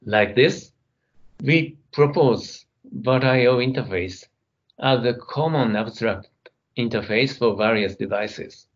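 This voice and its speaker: A middle-aged man giving a technical conference keynote from his computer, speaking in a measured way as he talks through his slides. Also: mid-range voice, muffled recording. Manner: measured, reading slides, some non-native grammar.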